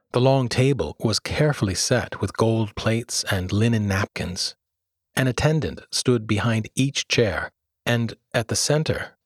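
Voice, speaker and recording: A man reading a children's story aloud as narrator, expressive and lively. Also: on the low side, slightly rough, no echo, studio quality. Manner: expressive storyteller, voices characters. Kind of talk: audiobook reading.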